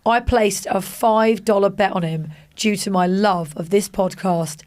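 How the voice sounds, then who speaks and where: A woman's voice: medium pitch, unhurried. A woman co-hosting a casual podcast, reading out listener messages and acting out the voices in them. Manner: animated, chatty, acts out quoted voices. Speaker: podcast co-host.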